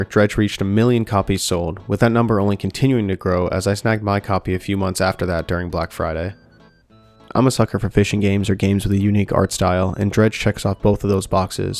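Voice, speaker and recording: A young man narrates a video game review from a script at his home mic, steady and dry with the odd light joke. His voice sits low. Soft music plays beneath him. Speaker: gaming YouTuber. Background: soft background music.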